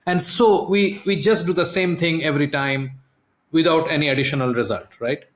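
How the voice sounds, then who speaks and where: A man's voice: fairly high pitch, normal speed. A man hosting a podcast interview, talking thoughtfully and repeating words as he reaches for his point. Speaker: podcast host. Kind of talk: conversational interview. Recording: echoey room.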